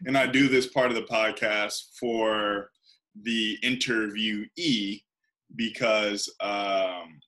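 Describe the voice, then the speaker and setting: A man hosts an interview podcast in a bright voice that sits a little low. He keeps things laid-back and playful and keeps affirming what his guest says. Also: steady tone, slow pace. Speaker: podcast host. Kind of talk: casual interview chat.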